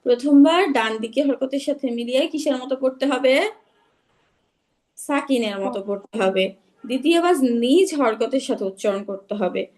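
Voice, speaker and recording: A woman's voice: high-pitched, darkish tone. Patient woman teaching Quran recitation. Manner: patient, repeats rules slowly, checks understanding. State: unwell. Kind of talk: online class instruction.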